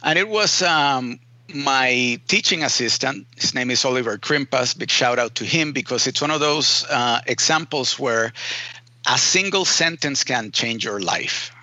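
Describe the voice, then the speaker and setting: A man's voice: mid-range voice, measured pace, sharp tone, dry recording. A man from Rico, a film editor telling his story casually in an interview, full of "you know" and "man". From Puerto Rico.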